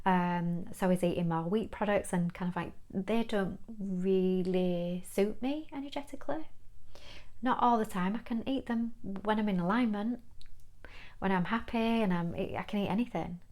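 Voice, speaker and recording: A woman gives an earnest, reflective spiritual talk. She speaks as a kinesiology teacher and guide, warm in intent, with the odd soft laugh. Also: medium pitch, normal speed.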